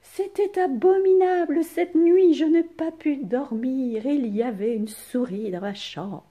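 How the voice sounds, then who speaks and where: A woman voicing a frightened woman who exclaims in high, breathless bursts about a sleepless night. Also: measured pace, warm tone.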